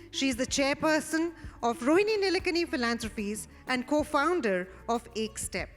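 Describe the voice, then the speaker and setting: A woman reads a formal, ceremonial stage introduction as an event host. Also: sits high. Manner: ceremonial, announcing. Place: large hall stage. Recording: echoing hall sound with music.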